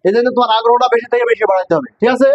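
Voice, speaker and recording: A man's voice: extremely high pitch, steady tone, rapid-fire, lo-fi sound. A man teaching a classroom English lesson, mixing English and Bengali and drilling students with call-and-response questions.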